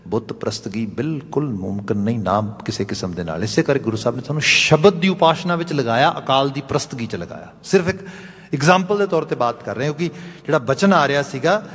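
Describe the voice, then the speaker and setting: Husky male preacher, lively sermon voice. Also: fast talker. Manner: wide swings between hushed low narration and rising emphatic questions. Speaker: preacher giving katha. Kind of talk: sermon storytelling. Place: gurdwara hall. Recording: hall reverb.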